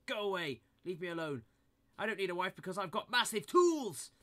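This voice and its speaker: A man voicing a small, angry, boastful woodsman who screams and shouts. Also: sits high, big pitch swings, brisk, voice pushed up, exaggerated voice.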